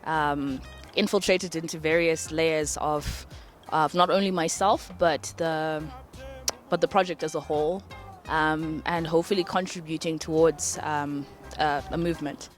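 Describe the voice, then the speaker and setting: A man with a fairly high voice speaks haltingly, restarting phrases and filling pauses with "um". Faint music plays behind him. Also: fairly even intonation. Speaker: program fellow. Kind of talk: group presentation.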